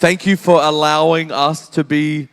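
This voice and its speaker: Slow Australian preacher in a reverberant hall. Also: male voice, on the high side, little pitch movement, a bit bright. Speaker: visiting guest preacher. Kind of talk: sermon greeting to a church, spoken in short phrases with pauses for an interpreter. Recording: live church hall, long reverb.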